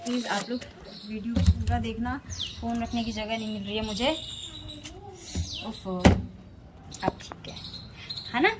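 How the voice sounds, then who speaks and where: A woman's voice: fairly high pitch, steady tone, a little slow, pauses often, very noisy. A woman vlogging casually from a rooftop, chatting and repeating herself, recorded on a phone with no microphone. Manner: chatty, repeats phrases, frequent tag questions. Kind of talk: casual vlog chat. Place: rooftop outdoors, wind and rain. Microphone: phone camera, no external mic.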